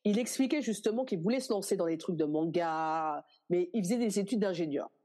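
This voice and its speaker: Mellow-voiced young actress telling stories. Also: female voice, on the low side, fairly quick. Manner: lively storyteller, acts out quoted people. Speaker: actress guest. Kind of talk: casual interview conversation.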